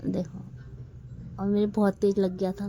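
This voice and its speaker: A woman's voice: mid-range voice, completely flat delivery, a little slow, mellow, slight background noise. A woman in her thirties, a mother, chatting casually to her viewers at home in a family vlog, fondly grumbling about her child. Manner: chatty, scolding-fond, addresses viewers directly.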